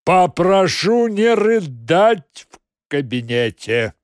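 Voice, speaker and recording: A man's voice: sits high, big pitch swings, slow pace, dry recording, clean studio sound, voice pushed up, heavily acted. A man doing a haughty, hot-tempered boss. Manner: arrogant, irritable.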